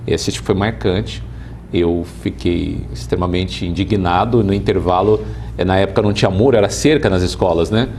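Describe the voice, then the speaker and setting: Calm, low-voiced Brazilian man in his forties. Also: moderate pace, a little hiss or hum. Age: 40s. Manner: calm, earnest storytelling. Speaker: interview guest, city councilman. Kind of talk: personal life story in an interview.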